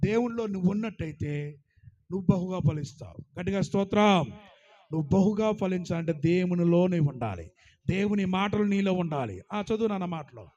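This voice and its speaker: Male pastor, high voice, sermon delivery with call-and-response, swings from loud scripture to hushed storytelling. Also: lively intonation, fairly quick, dull audio. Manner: preaching with call-and-response, asks the congregation to praise loudly; surges loud on scripture, drops low and quiet for anecdotes.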